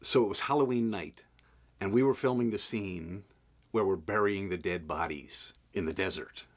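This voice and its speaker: A man's voice: deep voice, moderate pace. A man being interviewed as an actor, telling a profane anecdote animatedly and acting out the other people's voices.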